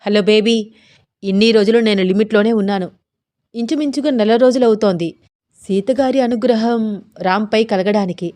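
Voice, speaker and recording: A woman's voice: mid-range voice, normal speed, long pauses, dark tone, natural voice. Woman reading as a teasing young husband. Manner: coaxing, teasing.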